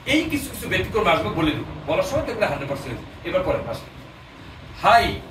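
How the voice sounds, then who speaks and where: High-voiced man teaching a class. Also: sing-song, fast talker. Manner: explains patiently, asks students questions often. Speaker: language teacher. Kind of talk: classroom lesson with students. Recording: echoey room, distant mic, noisy.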